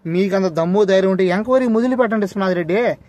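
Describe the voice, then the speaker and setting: A man lays out his case with fierce, repeated questions. His voice sits high for a man, and he keeps pressing the charge against an official. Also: rapid-fire, a little mellow, no echo. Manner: accusing and confrontational, hammering repeated questions. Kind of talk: impassioned address to a camera.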